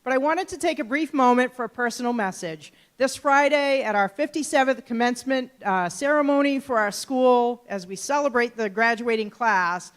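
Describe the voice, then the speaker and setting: Emotional woman principal in an echoing hall. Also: on the high side. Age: older. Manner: heartfelt, halting with emotion. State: emotional, voice catching. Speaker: retiring high school principal. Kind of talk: assembly speech. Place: school gym or auditorium. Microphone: handheld microphone. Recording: long reverb of a large hall.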